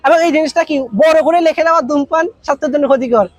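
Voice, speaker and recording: High-voiced fast-talking man teaching. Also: no echo. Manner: colloquial, tells anecdotes with acted dialogue. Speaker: business trainer. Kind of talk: masterclass talk.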